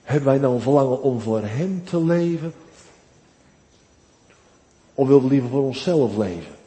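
A man preaching a sermon to his congregation, earnest and deliberate. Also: mid-range voice, expressive, dark tone. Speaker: pastor. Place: church. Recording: long church reverb.

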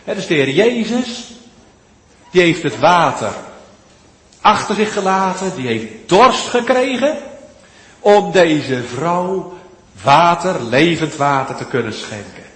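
A man preaching a sermon, swinging between loud, pleading appeals and hushed, almost whispered lines. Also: on the high side, sing-song, slow pace, long pauses. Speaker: pastor. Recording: echoey church hall, long reverb.

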